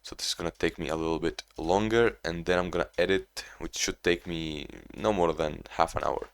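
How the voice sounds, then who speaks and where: Recording at home, a young man with a deep, low voice narrates his day for a casual video diary. He talks fairly quickly in a clean tone, but his monotone delivery meanders through restarts and loose asides.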